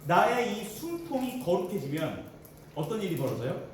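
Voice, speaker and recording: Animated Korean pastor in echoing church hall. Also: male voice, high-pitched, moderate pace, a little hiss or hum. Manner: animated preaching, acting out prayers and voices. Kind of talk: sermon lecture to church officers. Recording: roomy, distant church sound.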